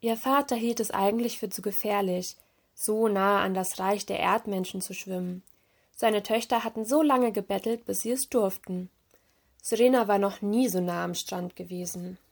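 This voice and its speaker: Gravelly woman reading a children's story. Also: mid-range voice, moderate pace. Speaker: library children's reader.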